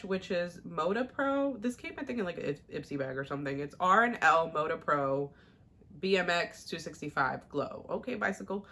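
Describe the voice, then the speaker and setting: A woman's voice: on the low side, bright, forceful tone. A young woman chatting casually through her everyday makeup routine, rambling with fillers and the odd laugh. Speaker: beauty vlogger. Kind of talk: casual makeup tutorial chat.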